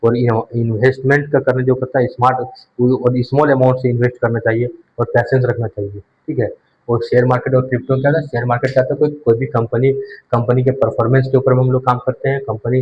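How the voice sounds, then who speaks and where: A man teaching a beginner's finance lesson, often pausing to check with "ठीक है" and restarting his sentences. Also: medium pitch, dull audio. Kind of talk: explanatory lesson.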